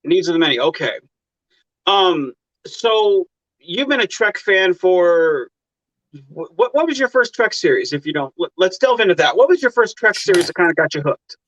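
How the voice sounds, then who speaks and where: A man's voice: high-pitched, sing-song, normal speed, fairly bright tone, no echo. A man hosting a casual interview, rambling and repeating himself with lots of you-knows. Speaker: interview host. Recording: dry, dull lo-fi mic.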